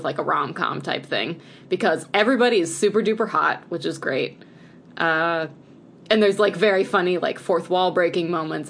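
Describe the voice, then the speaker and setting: A woman from chats eagerly on a podcast, sprinkling 'like' through every sentence. Her voice sits a little low for a woman. A faint noise runs under the recording. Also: vocal fry. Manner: chatty and enthusiastic, heavy use of 'like'. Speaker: podcast co-host. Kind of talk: casual podcast chat.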